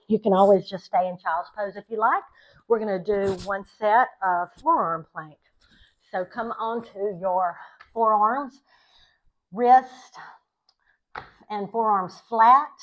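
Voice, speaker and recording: A woman guides a yoga class at a very unhurried pace. She gives calm, terse cues timed to each breath and encourages as she goes. The recording is slightly dull and lo-fi, and her pitch sits in a medium range. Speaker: yoga instructor. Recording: dull, lo-fi sound.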